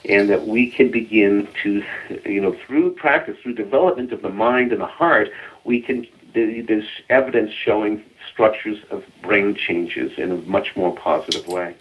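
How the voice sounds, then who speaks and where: A man's voice: on the low side, normal speed. A man with a Boston accent, a guest explaining mindfulness research in a radio interview, earnest, often repeating words as he starts a sentence. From Boston area, US. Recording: tinny phone line.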